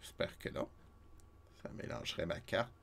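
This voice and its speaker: Streaming a game, a chatty Québécois man offers casual commentary, mocking himself and laughing often. He sounds slightly stuffy from a cold, speaking at a moderate pace in a somewhat bright voice with a Québécois French accent.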